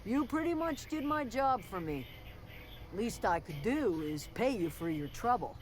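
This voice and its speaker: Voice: mid-range voice, very animated, measured pace, background noise. A dry, wry townsperson. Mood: wry relief. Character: worried townsperson relieved about a runaway. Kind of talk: video game dialogue.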